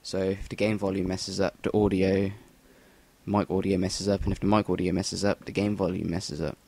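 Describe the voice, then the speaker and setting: A man's voice: sits low, flat delivery, normal speed, vocal fry, darkish tone. A young English man giving rambling, sweary voice-over commentary on a shooter game into a cheap USB mic. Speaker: gameplay commentator. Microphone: Rock Band USB mic.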